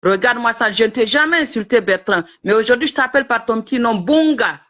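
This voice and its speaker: A woman's voice: fairly high pitch, lively intonation, fast, fairly bright tone, muffled recording. A woman who is a guest on a live stream, ranting indignantly and hurling insults. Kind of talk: heated live-stream chat.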